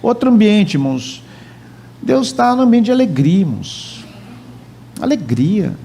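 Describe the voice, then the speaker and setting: A man's voice: high-pitched, sing-song, measured pace, vocal fry, warm tone, a little hiss or hum. A man preaching a sermon as pastor in a church, joking and chatting with the congregation. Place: church hall.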